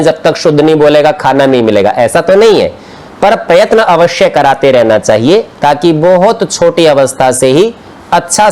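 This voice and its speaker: A man with a slightly raised voice teaches a scripture study class. He goes through each term slowly and patiently and explains it with everyday examples. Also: a little high, a little mellow. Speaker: religious teacher. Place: outdoor courtyard class.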